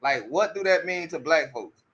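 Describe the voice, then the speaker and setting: A man talking in casual commentary with a slightly high, bright and forceful voice. He stammers through restarts and keeps repeating rhetorical questions. The audio sounds a little muffled and lo-fi. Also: expressive, moderate pace. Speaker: commentary streamer.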